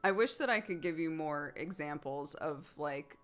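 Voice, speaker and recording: A woman in her thirties streams from home, chatting casually with viewers in a low voice at a moderate pace. She giggles often and swears offhandedly. Soft music plays in the background.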